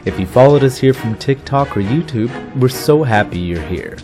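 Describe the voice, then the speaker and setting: A man's voice: medium pitch, lively intonation, normal speed. Campy man announcing over prominent music. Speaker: podcast host and storyteller. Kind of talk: scripted podcast intro.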